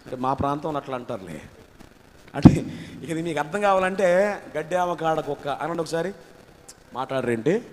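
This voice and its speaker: A man's voice: a little high, lively intonation, brisk, pauses often, slight background noise. A man preaching a sermon as pastor, firing rhetorical questions and calling on the congregation to repeat phrases after him. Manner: call-and-response preaching, asks congregation to repeat; rhetorical questions, rising intensity. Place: church hall. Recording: reverberant church hall.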